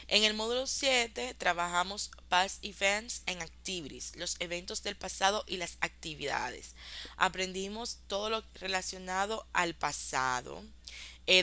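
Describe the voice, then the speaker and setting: Woman teacher, clear bright tone, patient review of course modules. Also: mid-range voice. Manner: explains in Spanish, slowly models English examples. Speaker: English teacher. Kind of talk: online class review.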